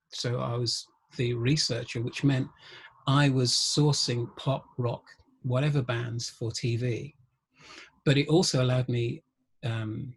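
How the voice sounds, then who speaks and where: A middle-aged man, a guest musician and researcher, telling wry anecdotes in an interview, often pausing with ums. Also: medium pitch, vocal fry, breathy edge. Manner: anecdotal, wry, laughs through stories, frequent ums. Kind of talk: conversational interview storytelling.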